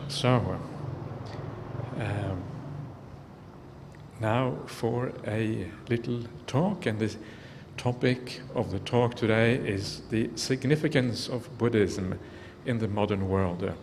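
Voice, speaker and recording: A man's voice: lowish voice, slow pace, pauses often. A Norwegian-born man, a Buddhist monk, giving an earnest, reflective dharma talk to an audience in a large hall. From Norway. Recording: long hall reverb, faint background noise.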